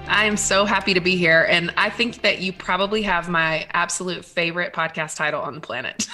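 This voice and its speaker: A woman in her thirties with a raspy, tired voice, chatting casually and wryly as a podcast guest. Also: on the low side, brisk, pushed and bright, soft background music. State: exhausted, short of sleep. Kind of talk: casual interview chat.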